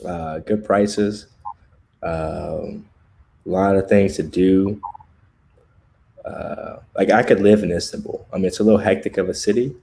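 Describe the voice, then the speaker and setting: A relaxed American man with a lowish voice hosts a casual livestream chat. He talks in loose slang, laughs easily and drifts between stories. A faint room hum sits under his voice. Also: measured pace, vocal fry, pauses often. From United States. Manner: laid-back, laughs often, loose slangy talk. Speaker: livestream host.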